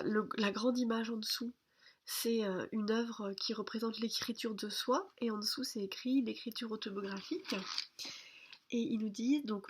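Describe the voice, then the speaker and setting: A woman speaking softly, almost whispering, in a late-night video diary. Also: mid-range voice, a little hiss or hum. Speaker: vlogger.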